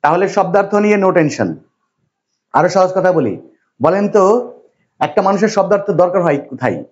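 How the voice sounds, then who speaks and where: A man's voice: high-pitched, animated, a little fast. Man teaching a class in a lo-fi recording. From Bangladesh. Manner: asks the class questions, repetitive and reassuring. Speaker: English teacher. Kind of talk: classroom lecture.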